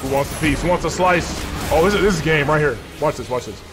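A man in his twenties, a gaming streamer, chats casually during gameplay in a slightly high voice, talking fast with music playing behind him. He's slangy, cocky and playful, speaking into a close, large desk microphone.

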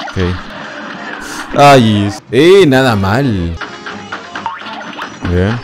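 Low-voiced male streamer over game music. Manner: excitable, yelps and laughs at the game; talks at his character, mutters to himself. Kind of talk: live gameplay commentary.

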